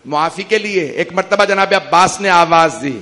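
Guy with a high voice giving a fervent mourning sermon, big reverby prayer hall. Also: bright, forceful tone. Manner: fervent, declamatory storytelling. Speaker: mourning-gathering preacher. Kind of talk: sermon recounting a lament.

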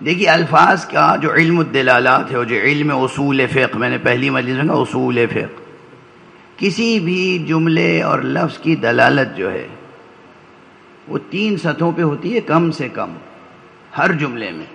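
This religious scholar's voice sits a little high, gravelly with a sharp edge, as he addresses a majlis. He lays out his explanation one step at a time and pauses for quick rhetorical questions. The rough recording has slight background noise.

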